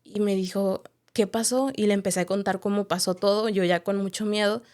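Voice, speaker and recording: A woman's voice: mid-range voice, flat delivery, a little fast, darkish tone, clean tone. Candid woman telling her story. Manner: candid, reflective storytelling with frequent tag questions. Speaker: podcast guest. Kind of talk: personal testimony in a podcast interview.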